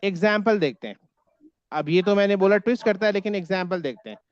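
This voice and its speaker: A man's voice: sits high, quick pace, clear, resonant tone, lo-fi sound. A man teaching a German class online in Hindi, patiently repeating words so his students can echo them.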